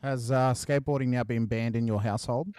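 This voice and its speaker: A man's voice: medium pitch, fairly even intonation, fairly quick, a little mellow, clean tone, dry recording, clean studio sound. An Australian man interviewing racers as a commentator, chatty and matey, generous with congratulations. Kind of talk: post-race interview.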